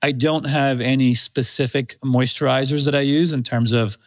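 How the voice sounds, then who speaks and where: A chatty man in his fifties with a gravelly edge to his voice, guesting on a podcast and often repeating himself. The sound is dry and close, with no room around it. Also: medium pitch, fairly even intonation, moderate pace, no room sound. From Armenian. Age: 50s. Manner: chatty, self-deprecating, repeats phrases. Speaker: guest, fragrance company head. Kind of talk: casual podcast interview.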